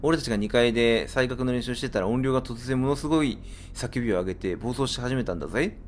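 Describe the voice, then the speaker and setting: A man voicing a brash male yokai musician in a game, with swaggering, rough, slangy delivery. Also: medium pitch, fast talker, slight background noise, lightly acted.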